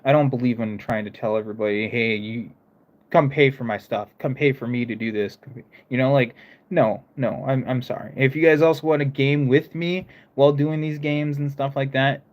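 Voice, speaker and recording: Over dull audio, a young American streamer speaks in a mid-range, steady voice at normal speed. His accent is part northern, part southern, and he rambles with his viewers, often stopping and restarting sentences.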